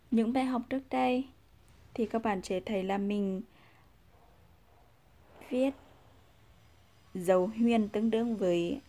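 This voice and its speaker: A woman teaching a casual language lesson, patient, repeating example sounds and pausing with fillers; Vietnamese is her first language. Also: mid-range voice, a little mellow.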